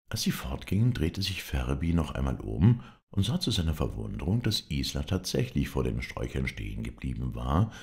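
Deep-voiced male audiobook reader, gravelly, expressive narration. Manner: expressive storytelling. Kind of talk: scripted narration.

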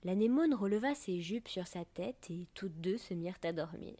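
A woman narrating a children's story aloud, gently and softly, often dropping close to a whisper. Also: on the low side, animated, moderate pace, heavy background noise. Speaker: reader.

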